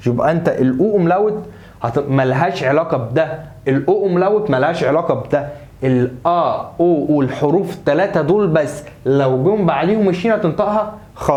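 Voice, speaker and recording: A young man with an Egyptian Arabic accent, teaching German pronunciation in a lively, coaxing way and repeating words slowly for learners. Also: on the high side. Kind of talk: lively classroom-style pronunciation lesson.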